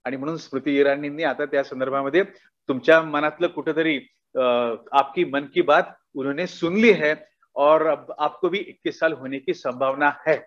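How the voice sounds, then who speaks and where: Brief: high-pitched male speaker, animated, quizzing students, lo-fi hall sound. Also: normal speed. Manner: animated, acts out dialogues, asks audience questions. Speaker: guest speaker. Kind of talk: motivational talk to students. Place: college auditorium.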